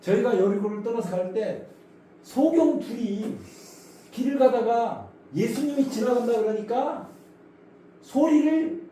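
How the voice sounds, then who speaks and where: A man's voice: extremely high pitch, unhurried. A male pastor preaching a sermon, telling the story vividly, acting out voices and asking the congregation questions. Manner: animated storytelling, acts out voices. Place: church sanctuary. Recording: echoey church hall from far off, faint noise.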